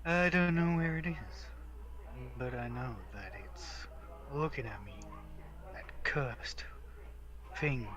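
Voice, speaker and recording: A giggly, playful streamer reads a visual novel aloud, moving between casual chat and dramatic narration while game music plays underneath. Her mid-range voice is expressive and slow, with frequent pauses, and the highs are cut off in the recording.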